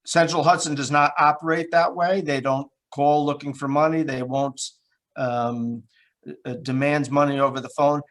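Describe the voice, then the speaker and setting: A man's voice: a little high, steady tone, fairly bright tone. Plain-spoken man running a town meeting. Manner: plain, halting, many fillers. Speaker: town supervisor.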